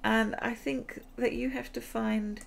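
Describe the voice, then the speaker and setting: Her voice is on the high side, steady and unhurried, with vocal fry and a bit of background noise. She's a middle-aged woman running a gaming channel, laughing frequently and rambling through casual gameplay chat as she loses her voice.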